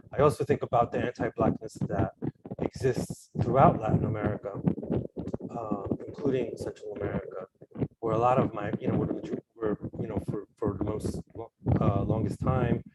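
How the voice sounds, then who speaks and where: A man from El Salvador with a lowish voice speaks as a panelist. He talks in a halting, reflective way, often stopping to search for words. Loud noise runs behind him on the recording. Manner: halting, reflective, many fillers. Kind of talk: panel discussion talk.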